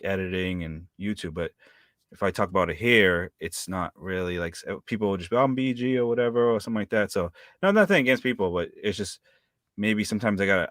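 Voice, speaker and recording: A man's voice: low voice, a bit bright, dry recording, clean studio sound. A man in his thirties chatting casually as a co-host, rambling and hesitant with many fillers. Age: 30s. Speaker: live-stream co-host. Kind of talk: casual chat.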